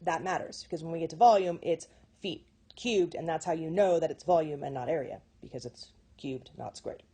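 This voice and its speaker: A woman's voice: deep voice, a little fast, warm tone, breathy edge. Chatty woman teaching a math lesson. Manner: chatty, self-correcting, checks in with "okay?".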